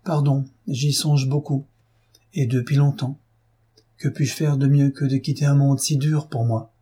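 A man's voice: medium pitch, steady tone, unhurried, mellow, slightly rough, pitched above the performer's own voice. A man reading as a troubled young woman. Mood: troubled, earnest.

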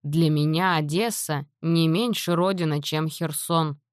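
A woman voicing a calm, measured old grandfather. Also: dry recording, clean studio sound. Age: older. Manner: low, slow, measured.

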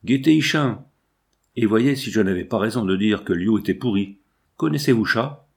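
A man's voice: on the low side, expressive, moderate pace, darkish tone. A man voicing a sinister, scheming peasant shepherd in a storybook reading, with taunting, half-threatening calls. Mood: taunting shout.

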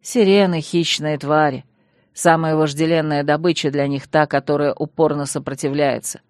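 A woman voicing a sly, mocking young man with a hoarse voice in an audiobook. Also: low-pitched, steady tone, a little mellow, no room sound, clean studio sound, lightly acted. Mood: wry, calm. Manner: mocking, unhurried.

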